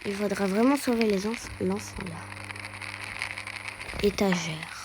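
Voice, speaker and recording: A young woman giving casual gameplay commentary, hesitant with fillers, often exclaiming and repeating words when excited. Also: medium pitch, unhurried, very noisy. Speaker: gaming youtuber.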